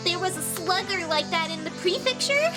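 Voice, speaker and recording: A woman voicing a cute, excitable young anime streamer girl with cutesy, exaggerated delivery. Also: extremely high pitch, normal speed. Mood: excited, awed. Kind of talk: reading visual novel dialogue aloud in a put-on streamer voice. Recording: loud music behind the voice.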